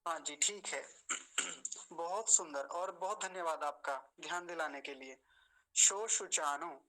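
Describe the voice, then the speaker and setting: A man leads an online pronunciation class with a patient, courteous manner. His voice is bright and forward. He stretches out difficult words and repeats them slowly, one syllable at a time. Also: a little high, rough recording. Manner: slows down to spell out syllables, repeating words carefully; patient, polite, addresses students respectfully. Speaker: teacher of mantra pronunciation.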